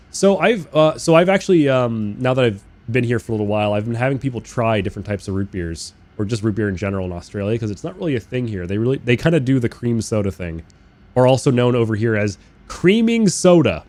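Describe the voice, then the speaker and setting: A young man live-streaming a flight sim, chatting casually and rambling, swearing freely, talking to his chat and bursting into loud incredulous rants. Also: medium pitch, animated, fast talker. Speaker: game streamer. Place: living in Australia.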